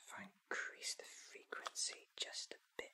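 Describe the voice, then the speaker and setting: A man's voice: moderate pace, pushed and bright. A man in his thirties playing an eccentric, curious, ancient alien time traveller, theatrical and wordy, in a close-miked ASMR roleplay. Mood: focused, tinkering. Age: 30s. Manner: theatrical, wordy, self-assured. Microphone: close sensitive microphone.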